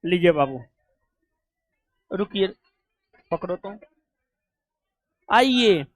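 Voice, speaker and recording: A man's voice: high voice, animated, extremely slow, no room sound. A male coaching teacher with a Bihari Hindi accent, chatting casually and fussing affectionately as he honors students. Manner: affectionate, joking, fussy.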